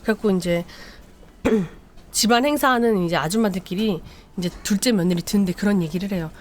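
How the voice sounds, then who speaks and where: Woman host rambling through a story, lots of fillers, mid pitch, bit of background hiss. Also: a little fast. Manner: chatty, loose retelling with many fillers. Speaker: podcast host. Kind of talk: casual late-night storytelling.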